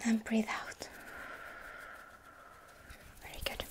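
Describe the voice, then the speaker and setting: A woman giving a whispered ASMR pep talk, hushed and breathy, gently reassuring with soft pauses. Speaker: ASMR host.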